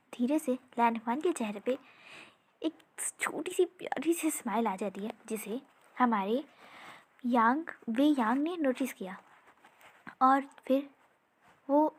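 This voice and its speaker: A woman narrating a fan-fiction story aloud in an expressive, conversational way. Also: high-pitched.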